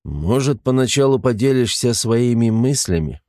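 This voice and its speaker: A man voicing a graying crime boss in his fifties, speaking in a velvety, trained announcer-like voice, unhurried and quietly menacing. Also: mid-range voice, expressive, dry recording, clean studio sound, lightly acted. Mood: calm, knowing. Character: graying fifty-something male crime boss, calm and commanding. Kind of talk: audiobook character voice.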